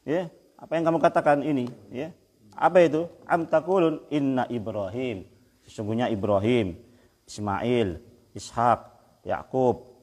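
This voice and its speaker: A man preaching a Quran exegesis lecture in a conversational way, often checking with his listeners and chanting verses slowly. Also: on the high side. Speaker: Islamic preacher. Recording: hall with long reverb.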